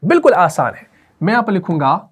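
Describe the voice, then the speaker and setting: A man's voice: sits high, sing-song, slightly rough. A man teaching a Quran recitation lesson in Urdu with a Pakistani accent, patiently repeating each rule and asking his students whether they follow. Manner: patient, repeats key rules and checks understanding with questions. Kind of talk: tajweed lesson explained while writing on a board.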